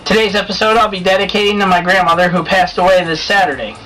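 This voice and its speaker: A man hosting his own review show in a casual vlog style, excitable and chatty, laughing often as he talks. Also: high voice, fast, faint music behind. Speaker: show host reviewing comics and movies. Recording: distant mic with faint background noise.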